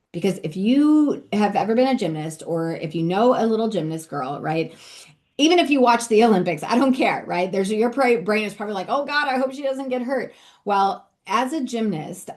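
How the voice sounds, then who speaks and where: Emphatic, energetic woman business coach. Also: mid-range voice. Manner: energetic, emphatic, casual with swearing and rhetorical questions. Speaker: business coach and podcast host. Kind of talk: motivational podcast monologue.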